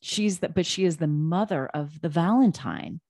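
Casual female podcast co-host; low, mellow voice, emphatic and rambling. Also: lively intonation, normal speed, no echo, studio quality. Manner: chatty, emphatic, many restarts and asides.

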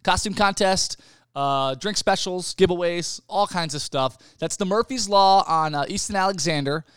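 A young man hosting a casual podcast from his home studio, chatty and quick to laugh, with loose restarts. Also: sits high, fairly bright tone, clean tone, no room sound. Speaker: podcast host.

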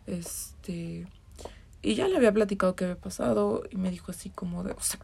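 Podcast guest: Mexican woman, heavy vocal fry, mid-pitched, candid and profane storyteller. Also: brisk, darkish tone. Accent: Mexican Spanish. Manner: candid, swears freely, many fillers. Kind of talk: casual storytelling.

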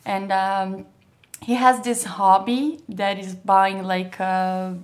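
A woman's voice: mid-range voice, little pitch movement, slow pace. Young woman, Brazilian accent, Portuguese native speaker, interview guest, hesitant, filler-heavy, giggly. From southern Brazil. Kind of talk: casual interview chat.

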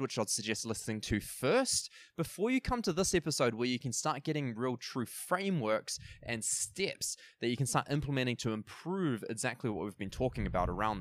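A man's voice: mid-range voice, fairly bright tone, dry recording. A man with a New Zealand accent hosting a podcast in an informal, conversational way. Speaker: podcast host. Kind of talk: casual podcast introduction and interviewing.

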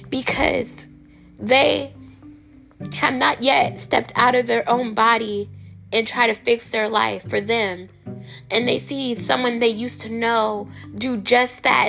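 A hoarse, raspy woman hosting a podcast, delivering an irritated, heated rant and cussing freely. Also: fairly high pitch. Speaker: podcast host. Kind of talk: ranting monologue.

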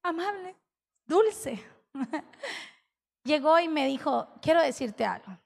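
A woman pastor, preaching a sermon and telling a story with animated, acted-out dialogue. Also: high-pitched, slow pace, vocal fry, in a large hall.

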